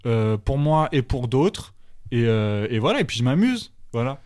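A man's voice: medium pitch, big pitch swings, moderate pace, a little mellow. A young man from Paris, a musician guest, chatting casually with many fillers and repeated words. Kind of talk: casual podcast chat.

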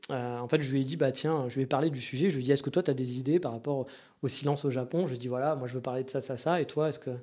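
A man's voice: medium pitch, steady tone, racing, darkish tone. A man hosting a casual monologue, chatty and meandering, with frequent asides to his listeners. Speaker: podcast host.

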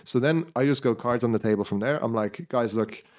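A man talks quickly in a relaxed podcast chat, rambling through a long story. His pitch sits in an ordinary middle range, and he often restarts his sentences. He keeps the words coming at a brisk clip. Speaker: podcast co-host. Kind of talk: casual chat.

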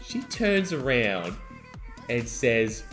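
A man co-hosting a podcast, telling a rowdy story in casual chat and swearing as he acts out the shouting. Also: medium pitch, extremely slow, faint music behind. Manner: animated, swearing, acts out shouting in his stories. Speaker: podcast co-host.

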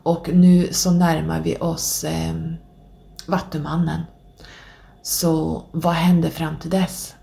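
A woman's voice: low voice, level tone, vocal fry, warm tone. A woman hosting a podcast, talking alone in a rambling, casual way with many hesitations and restarts. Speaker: podcast host.

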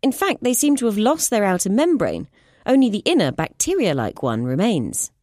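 A woman's voice: medium pitch, wildly swooping pitch, normal speed, a little mellow, no echo, voice pushed up. Snappy impatient lady scientist explaining stuff, kinda lecturing, a woman reading it, dry close mic. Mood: urgent lecturing. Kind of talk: audiobook reading.

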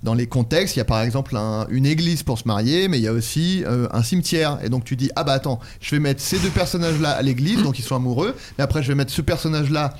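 A man's voice: medium pitch, fast talker, few pauses. A French man co-hosting a podcast, explaining things in a casual, hesitant way with many fillers. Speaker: podcast co-host. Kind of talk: casual chat.

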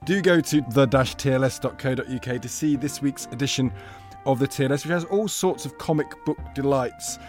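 A Northern English man hosts a literary podcast. His vowels are flat and provincial, and he talks in a casual, halting, self-deprecating manner. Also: medium pitch, soft background music. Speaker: podcast host.

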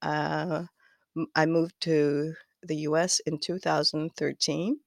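A woman's voice: low voice, little pitch movement, slow, vocal fry, no room sound, studio quality. A woman from Kazakhstan with a Kazakh accent, chatting as a podcast guest, rambling and laughing often. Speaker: guest knitwear designer. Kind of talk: casual interview chat.

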